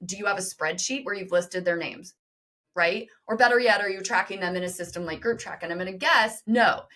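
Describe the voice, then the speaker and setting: A woman guest on a podcast interview, talking emphatically and directly to listeners, with quick bursts of speech. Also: mid-range voice, pushed and bright. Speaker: podcast guest, business co-founder. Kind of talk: energetic interview talk.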